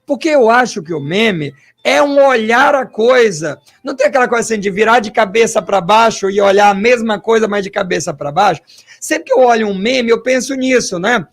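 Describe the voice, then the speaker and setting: A man hosting an interview, a historian who thinks out loud and asks questions in long, winding stretches. His voice sits high and carries a rough, gravelly texture. He talks with animated asides and rhetorical questions. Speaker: host and historian.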